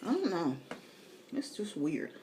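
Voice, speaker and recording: A woman's voice: mid-range voice, wildly swooping pitch, slow pace, very noisy. A middle-aged woman eating as she talks, telling candid, colloquial stories in a casual mukbang chat. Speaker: mukbang vlogger.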